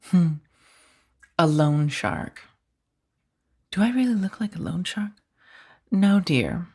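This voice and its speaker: A woman's cool, menacing mafia boss character condescends and taunts with mock sweetness in this soft ASMR roleplay, fully voiced in character. Her voice is on the low side, breathy and husky, slow yet animated, and it sinks toward whispers.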